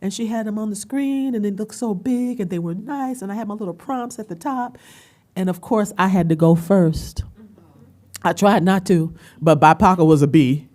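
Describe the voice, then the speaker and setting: A middle-aged woman speaking at a community panel, telling a personal story with animated emotion and frequent laughter. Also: medium pitch, moderate pace. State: tearful at times. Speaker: panel speaker and business owner.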